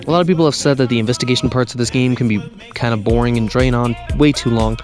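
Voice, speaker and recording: A man's voice: medium pitch, steady tone, fast talker, a little mellow, soft background music. A man giving a casual, rambling, self-deprecating game review while huddled hot and uncomfortable under blankets, often correcting himself. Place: improvised recording spot under a blanket with pillows behind him.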